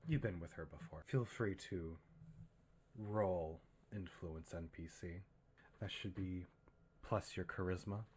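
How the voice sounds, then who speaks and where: A man narrating a tabletop horror game as game master, in a measured, suspenseful way. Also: low voice, a little mellow, slight background noise.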